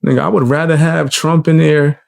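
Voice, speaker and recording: A man's voice: a little high, little pitch movement, fairly quick, creaky, a little mellow. A man chatting casually as co-commentator, blunt and opinionated with a laid-back delivery. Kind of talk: casual reaction chat.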